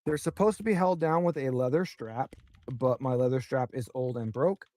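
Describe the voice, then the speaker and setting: A man's voice: mid-range voice, moderate pace, a little mellow, dry recording. A man chatting casually on a voice call, explaining things patiently while his noise-cancelling mic cuts in and out. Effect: mic cutting out from noise cancellation. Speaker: tabletop game player. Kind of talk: casual chat over a voice call. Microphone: headset or desk mic with noise cancellation.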